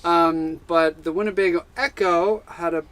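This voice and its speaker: A man co-hosting a live van life chat, talking casually and upbeat, often chiming in with quick agreements. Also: on the high side, steady tone, a bit bright, smooth. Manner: upbeat, chatty, quick to chime in with short agreements.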